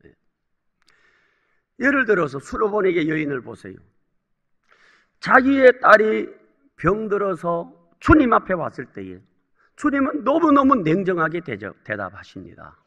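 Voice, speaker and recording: A man's voice: sits high, wildly swooping pitch, unhurried, pauses often, fairly bright tone, dull audio. A male pastor preaching a sermon in a church, with emphatic calls and questions to the congregation. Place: church sanctuary.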